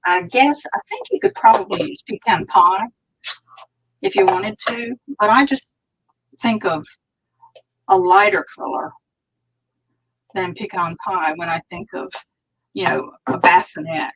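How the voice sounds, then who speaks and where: A woman's voice: mid-range voice, lively intonation, a little slow, pauses often, a bit bright, slightly rough, rough recording. A woman hosting a live craft tutorial, chatting and thinking aloud as she stamps, now and then dropping to a near whisper while her hands are busy. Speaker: stamping demonstrator.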